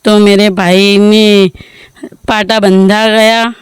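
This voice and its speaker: A woman's voice: medium pitch, level tone, extremely slow, clean tone, dry recording. A village woman speaking outdoors into a reporter's handheld mic, agitated and repeating phrases. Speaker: village resident interviewed. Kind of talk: street interview.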